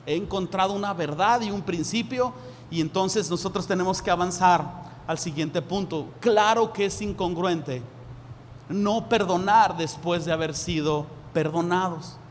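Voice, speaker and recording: A man preaching a sermon as a pastor, acting out lively dialogues in a raised voice. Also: high voice, a little slow. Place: church hall. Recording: reverberant hall, faint room noise.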